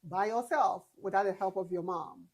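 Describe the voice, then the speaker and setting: A woman's voice: medium pitch, normal speed. A woman interviewing casually, encouraging and often rephrasing her questions as she goes.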